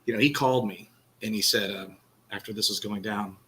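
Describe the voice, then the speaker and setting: A man's voice: fairly low pitch, steady tone, a little fast, bright, forceful tone, poor audio. A man with a Texan accent, co-hosting a podcast and talking earnestly in a rambling, casual way. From Texas. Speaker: podcast co-host. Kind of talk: casual candid conversation.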